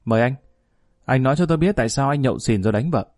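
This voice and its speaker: A man voicing a calm, firm middle-aged village woman who mediates among husbands, speaking in a measured, plain-spoken, commanding way. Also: medium pitch, no room sound, studio quality, lightly acted.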